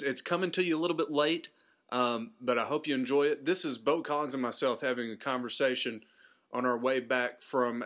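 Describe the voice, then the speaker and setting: A man's voice: medium pitch, fairly bright tone. A man casually introducing a podcast episode as its host, in an informal, slightly apologetic way.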